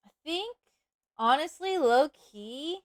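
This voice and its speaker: Casting: high-voiced woman streamer, chatty and playful, dry close mic. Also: animated, takes it slowly, dry recording. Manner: chatty, playful, dramatic outbursts. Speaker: VTuber streamer. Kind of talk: casual live-stream chat.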